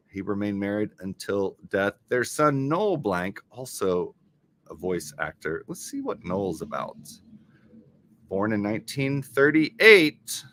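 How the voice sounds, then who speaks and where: A man's voice: on the low side, fairly bright tone. A man hosting a casual live stream, reading crossword clues aloud and chatting about them as he goes.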